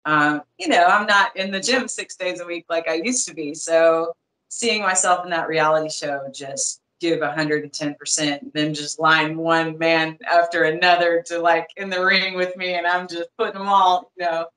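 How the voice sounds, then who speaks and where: A woman's voice: on the low side, fairly even intonation, normal speed, a bit bright, poor audio. A woman in her thirties with a light Southern US accent, a former boxer chatting as a guest, rambling with lots of fillers and restarts. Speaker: guest, former boxing champion. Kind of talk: casual interview chat.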